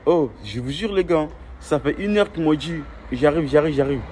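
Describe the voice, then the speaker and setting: A man vlogging casually to his followers in street slang, teasing and excitable. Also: a little high, moderate pace. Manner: French suburban street slang. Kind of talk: casual vlog chat to followers. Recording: busy crowd and street noise behind.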